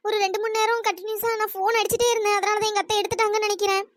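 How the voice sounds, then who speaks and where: A woman's voice: very high-pitched, little pitch movement, racing, dry recording. A woman voicing a timid young woman in a cartoon story who pleads and apologizes fearfully.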